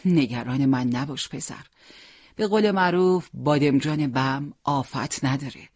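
A worried, tender mother who coaxes her son and scolds gently when he shuts her out, as an audiobook reader puts her on. The voice is a little husky, raised somewhat in pitch, and sits in a dry, close room. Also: dry recording, close to an everyday voice. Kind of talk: audiobook character reading.

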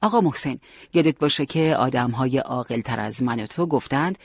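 A man voicing a brave, witty young male fighter who jokes and speaks earnestly, with a husky voice. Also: medium pitch, expressive, no room sound. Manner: joking, earnest.

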